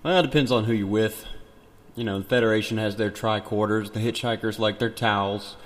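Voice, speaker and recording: A man's voice: lowish voice, steady tone, fairly quick. A man voicing a cocky, touchy spaceman musician in a comic mock interview, slangy and brash, with a tinny metallic effect as if inside a metal tank. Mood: bragging, laid-back. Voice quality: tinny, metallic, as if speaking inside a tin can. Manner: brash, slangy, defensive bragging. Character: cocky, touchy young spaceman musician from the twenty-fifth century. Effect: tin-can metallic voice filter.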